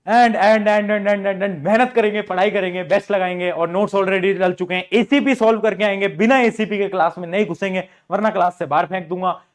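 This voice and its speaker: A man teaching an online class, chatty, repeating phrases and mixing English terms into his talk. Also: sits high.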